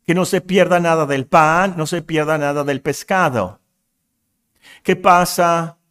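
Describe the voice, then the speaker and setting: A middle-aged man preaching a sermon to a congregation, rising in intensity as he builds his point. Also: unhurried. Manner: animated preaching, pitch rising as he builds to a climax. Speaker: pastor.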